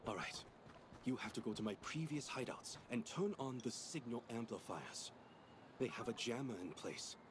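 A man's voice: mid-range voice, expressive, normal speed, close to an everyday voice. Actor as terse undercover contact man, noisy capture. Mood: guarded, serious. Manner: terse, instructing. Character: male undercover contact, guarded, no-nonsense rebel operative. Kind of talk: video game voice acting.

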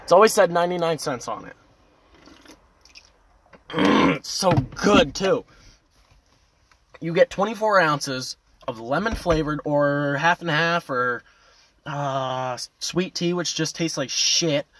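A young man ranting to camera in a casual, foul-mouthed vlog, loud and animated, veering between yelling and muttering, parked at a roadside turnout. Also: fairly high pitch, takes it slowly, pauses often, slight background noise. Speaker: vlogger. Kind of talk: casual profane rant to camera.

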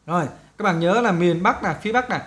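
A man teaching an English listening lesson to students. He explains step by step and models each English word slowly, repeating it several times. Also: high-pitched, a bit bright.

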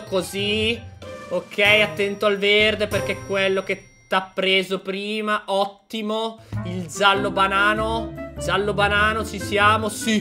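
A man giving excited gameplay commentary as a video host, energetic and playful, often shouting and yelping. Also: high voice. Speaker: gaming YouTuber. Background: background music.

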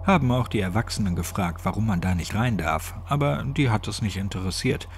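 For a horror audiobook, a man voices a cynical, grumbling old villager, reminiscing wryly in clipped, colloquial, gruffly chatty speech. His voice is lowish with lively intonation and a fairly quick pace, over soft background music.

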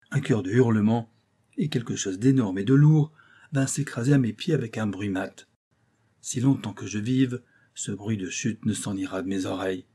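A man narrating a literary audiobook in a measured, dramatic way. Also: on the low side, warm tone, breathy edge. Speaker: audiobook reader.

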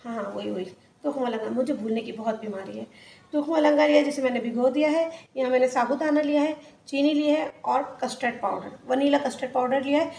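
A woman's voice: sits high, a little fast, vocal fry, darkish tone, echoey room, a little hiss or hum. A woman hosting a cooking channel, chatting her way step by step through a home recipe. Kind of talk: casual recipe voice-over. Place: home kitchen.

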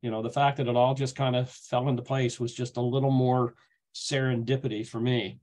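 A man's voice: mid-range voice, level tone, a little fast, a little mellow. Rambling Canadian man telling stories. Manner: rambling, with frequent restarts. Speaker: guest speaker. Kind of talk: casual storytelling talk.

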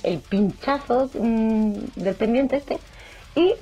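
A woman's voice: a little high, takes it slowly, highs cut off, faint music behind. Chatty young woman vlogging. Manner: chatty, jokey, animated, acts out quoted voices. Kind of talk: casual chat to camera.

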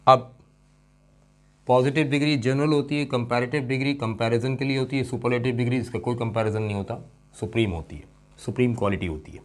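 A man's voice: mid-range voice, fairly even intonation, brisk. A male English teacher giving a classroom grammar lesson. He stretches out example words and repeats them, and he keeps checking that his students follow. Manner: addresses students warmly as "son" and checks understanding with "okay?".

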